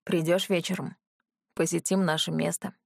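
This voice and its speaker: Soft caring young guy, woman reading him, slightly lower and calm. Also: moderate pace, vocal fry, no echo, clean studio sound. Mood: tender. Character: gentle young man, caring suitor.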